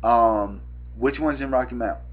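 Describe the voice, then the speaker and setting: A young man with a Southern US accent rambles through an improvised prank phone call, repeating himself and stammering in a mid-range voice at a slightly slow pace. He's in a small room at home, captured by a webcam held at arm's length, so the audio is dull and lo-fi.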